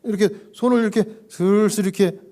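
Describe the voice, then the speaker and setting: A man preaching as a pastor and chaplain. He tells a story with animation, acts out the voices of the people in it, and drops to a hushed whisper at solemn points. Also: high voice, fairly even intonation, fast. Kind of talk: sermon storytelling. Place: church.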